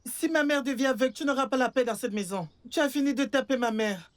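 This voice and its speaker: A man's voice: very high voice, quick pace. A young man playing a son who swears revenge for his blinded mother, speaking threateningly in a French-dubbed film drama. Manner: threatening, vengeful. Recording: film soundtrack with faint music.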